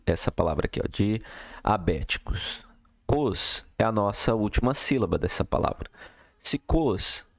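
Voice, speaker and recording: A man with a lowish voice explains a lesson step by step and keeps checking in with the listener. His voice is recorded close and dry, with no room sound. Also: vocal fry, no room sound. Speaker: teacher. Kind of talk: recorded lesson correcting exercises.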